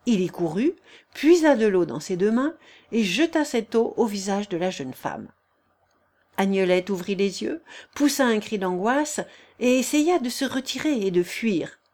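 A woman narrating a classic novel aloud in a measured, expressive storytelling voice. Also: medium pitch. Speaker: audiobook narrator.

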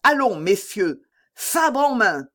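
A man's voice: high voice, moderate pace, close to an everyday voice. A man voicing a proud, besieged king with exalted rallying calls in an audiobook.

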